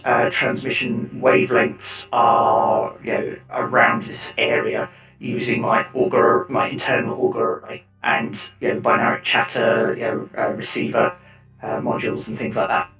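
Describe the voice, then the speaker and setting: A hooded augmented figure whose voice is run through a voice changer, as a man puts him on, gravelly and halting, pausing often between words. It sounds echoey and far from the mic, dull in tone, with music playing behind. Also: medium pitch, little pitch movement, sharp tone. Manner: halting, hesitant, full of fillers. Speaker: tabletop game player.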